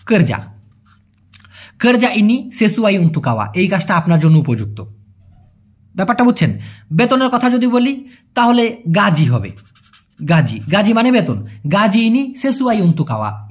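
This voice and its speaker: Husky, lively language teacher. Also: mid-range voice. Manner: explains patiently, repeats words slowly, acts out everyday examples. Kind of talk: spoken language lesson.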